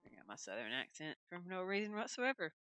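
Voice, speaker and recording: A gaming channel host talks fast in a lowish voice with big pitch swings and a sharp tone. Playing at home, she gives casual let's-play commentary on her own gameplay, rambling and talking to herself into a desk microphone.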